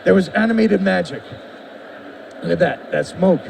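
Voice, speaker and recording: A man's voice: high voice, normal speed, vocal fry. A man playfully commentating on someone playing his game, joking like a wrestling announcer. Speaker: game developer commentating a live demo. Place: busy expo show floor. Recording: noisy expo floor, mic far off.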